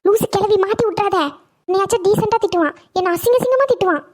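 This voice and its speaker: A woman's voice: very high voice, darkish tone. A woman voicing a cheeky young woman who teases an old grandmother over the phone in a cartoon comedy. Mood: teasing. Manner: teasing, cheeky, quick.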